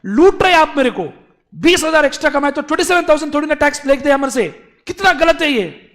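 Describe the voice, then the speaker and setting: A teacher putting on a wailing, indignant taxpayer. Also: male voice, very high-pitched, expressive, fairly quick, a bit bright, pitched above the performer's own voice. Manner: whiny, indignant, complaining. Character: distressed male taxpayer wailing over taxes.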